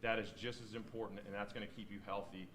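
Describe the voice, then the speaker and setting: A man's voice: lowish voice, steady tone, quick pace, fairly bright tone, a little hiss or hum. A middle-aged American man, a senior police officer, giving an informal, plain-spoken, encouraging speech to new recruits. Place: indoor ceremony venue.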